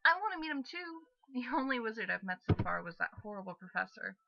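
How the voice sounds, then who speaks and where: A woman's voice: a little high, big pitch swings, fast, vocal fry, dry recording, muffled recording. A woman voicing a teenage schoolgirl in a video game with a boyish, laid-back stoner drawl. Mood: casual, eager. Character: Virginia, boyish-voiced teenage schoolgirl wizard, casual and teasing.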